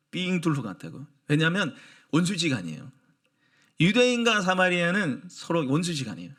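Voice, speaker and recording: A male pastor giving a Sunday sermon, animated and conversational, putting questions to the congregation. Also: fairly high pitch.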